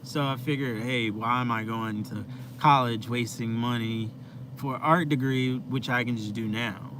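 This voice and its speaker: Streaming live from his van, a young man talks with viewers in a relaxed, rambling style with plenty of fillers, over noisy vehicle ambience. He speaks at a moderate pace in a medium-pitched, steady tone.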